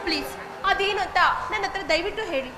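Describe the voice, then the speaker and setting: A woman's voice: very high voice, expressive, fast talker. A woman acting a caring young woman who is a loyal college friend, speaking in an earnest, pleading theatrical way on a village stage. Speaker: stage actor. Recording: echoey live stage with music.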